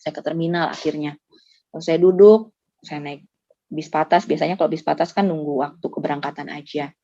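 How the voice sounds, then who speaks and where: A woman in church ministry recounts her personal testimony, earnest and emotional, pausing often between thoughts. Her voice is mellow and warm. The recording is dry and a little muffled. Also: low voice, fairly even intonation, dry recording. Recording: slightly dull lo-fi, dry sound.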